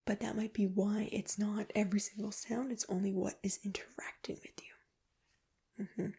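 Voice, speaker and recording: A woman doing a whispered role-play as an ear examiner, speaking in a breathy, gentle, reassuring whisper with close personal attention. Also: mid-range voice, level tone, normal speed. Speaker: ASMR performer playing an ear examiner.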